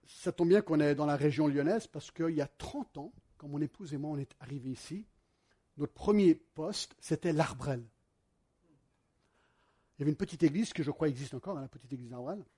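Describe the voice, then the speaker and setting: A man delivers a sermon from home. His voice is high and a little husky. He shifts into lively storytelling and talks directly to his listeners. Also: moderate pace. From United States. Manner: animated storytelling, addresses the congregation directly. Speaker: pastor.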